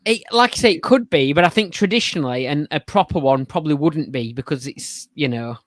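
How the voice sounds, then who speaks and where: Pub quiz host, laughs a lot, hedges every clue, dry close sound. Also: male voice, a little high, lively intonation, fairly quick, no room sound. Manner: giggly, hedging, rambling clue-giving. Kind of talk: casual pub chat podcast.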